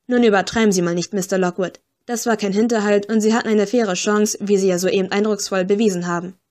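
A woman reading an audiobook, voicing a suave, menacing gentleman swordsman in a low, soft, mocking tone. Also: fairly even intonation, quick pace, natural voice. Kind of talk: audiobook character voice.

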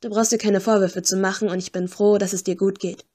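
A woman voicing a calm, gentle young male ghost who speaks quietly and clearly. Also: mid-range voice, a little fast, lightly acted. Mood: sad calm. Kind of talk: audiobook character voice.

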